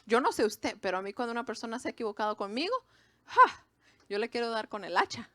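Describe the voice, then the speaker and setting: A woman's voice: a little high, very animated, quick pace, sharp tone, no echo, clean studio sound. A woman from Mexico with a Mexican accent, giving an informal sermon to a women's gathering in a conversational way, with asides to her listeners. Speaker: preacher.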